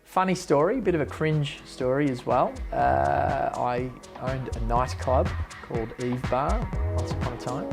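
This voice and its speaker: In a bar with music blaring, a mayoral hopeful who owns the bar responds to interview questions in a halting, wandering way, repeatedly starting over. His medium-pitched voice is gravelly and unhurried, with few pauses.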